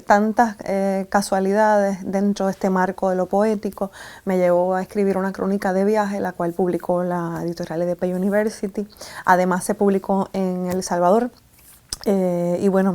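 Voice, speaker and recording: A Puerto Rican woman, a writer, talks about her books at an even pace, pausing often with fillers. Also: mid-range voice. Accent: Puerto Rican Spanish. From Puerto Rico. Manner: measured, with many hesitant fillers. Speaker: writer and poet. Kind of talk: conversational interview answer.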